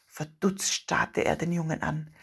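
A woman reading a children's story aloud in a steady, expressive way. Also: sits low, measured pace, creaky, husky.

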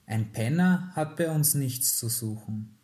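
Brief: snobbish, easily shocked mother in a storybook, slow and proper, a male narrator putting her on. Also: medium pitch, lively intonation, a little mellow, lightly acted. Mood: prim. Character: prim, snobbish upper-class mother.

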